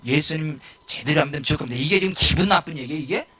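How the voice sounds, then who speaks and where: A male pastor giving a lively sermon in a church, rising to shouts and acting out the people in his stories. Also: on the high side, racing, husky. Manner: animated, shouting at peaks, mimicking people.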